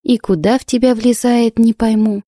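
A woman voicing a lively young female artist in an audiobook, exclaiming and teasing in a raised voice. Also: a little high, normal speed, dry recording, studio quality, voice pushed up, lightly acted. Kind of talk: audiobook reading.

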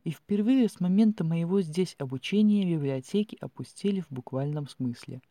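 A man reading a first-person fantasy audiobook in an expressive storytelling manner. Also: on the high side, normal speed, dry recording. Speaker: audiobook narrator. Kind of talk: scripted fiction narration.

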